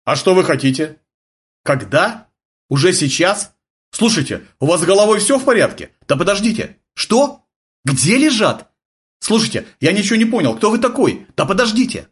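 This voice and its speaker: A man doing a shrill, flustered army sergeant. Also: sing-song, brisk. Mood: agitated. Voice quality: shrill, blurting, agitated. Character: flustered young male army sergeant, excitable. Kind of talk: audiobook character voice.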